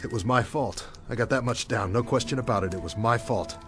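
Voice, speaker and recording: Over music, an actor with an American accent voices a guilt-stricken, dazed young bomber captain in a radio play, talking to himself in fragmented, searching lines. The performance is light, his male voice medium-pitched and fairly quick.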